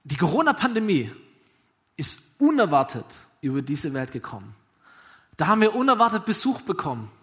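A preacher giving a sermon live before a congregation, retelling a parable in a conversational storytelling way that asks the audience along. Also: male voice, a little high, sing-song, brisk, fairly bright tone.

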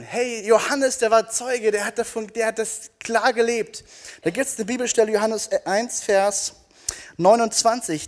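Eifriger Prediger mit hoher Männerstimme. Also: male voice, sits high. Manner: emphatic, rhetorical questions to the audience. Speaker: preacher. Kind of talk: energetic youth sermon. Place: stage before a live audience.

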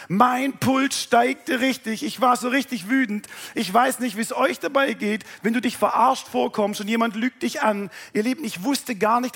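High-voiced man preaching a story. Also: creaky, husky. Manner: animated, addresses listeners directly. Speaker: pastor. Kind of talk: storytelling sermon.

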